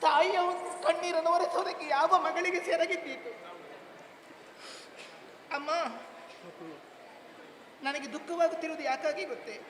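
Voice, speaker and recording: Gentle devoted young queen played by a male actor, tearful ornate declamation, live hall with crowd noise. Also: very high voice, steady tone, moderate pace, long pauses. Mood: pleading. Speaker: stage actor in a female role. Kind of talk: Yakshagana theatre dialogue. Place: temple stage, live performance. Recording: echoey hall, noisy live ambience.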